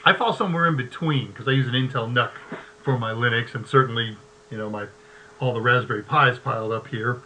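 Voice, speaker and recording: Chatty bright-voiced man hosting. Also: medium pitch, a little fast, slight background noise, poor audio. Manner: chatty, reads poems aloud, laughs often. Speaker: host. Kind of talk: live tech show chat.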